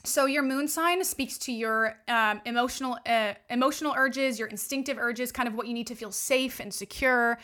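A woman's voice: on the high side, normal speed, hardly any pauses, pushed and bright. A woman guest coach in casual podcast chat, gushing and full of "like" fillers as she explains astrology.

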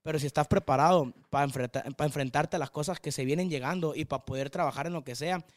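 A young man from Mazatlán with a strong Sinaloan accent, chatting as a podcast guest in an energetic, rambling way. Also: on the high side, dry recording, studio quality. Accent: northwestern Mexican, Sinaloa. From Mazatlán, Mexico. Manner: energetic, hyperactive, rapid rambling talk. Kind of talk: casual chat.

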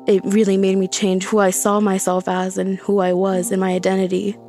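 A woman's voice: mid-range voice, monotone, brisk, dark tone, soft background music. A young woman of college age from Texas, giving reflective, slightly hesitant personal testimony. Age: late teens. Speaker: interviewee.

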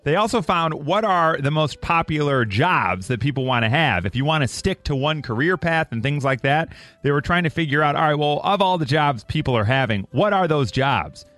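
A man with a fairly high voice hosts a radio morning show from the studio. He keeps the banter casual and upbeat and reads listener texts out loud. Soft music sits faintly underneath. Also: expressive, normal speed, hardly any pauses. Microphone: studio microphone.

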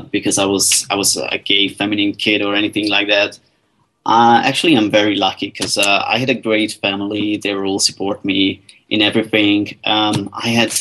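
A man, a guest answering interview questions in a friendly, relaxed way, thinking aloud as he talks. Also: fairly low pitch, low-quality recording. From Hungary. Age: 20s.

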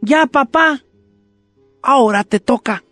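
A storyteller voicing excited young children who call out to their father. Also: high-pitched, slow, dry recording, soft background music, pitched above the performer's own voice.

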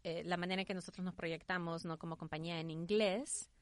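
Animated, informal woman being interviewed. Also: on the low side, fast, no room sound. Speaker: interview guest, entrepreneur. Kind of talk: conversational interview.

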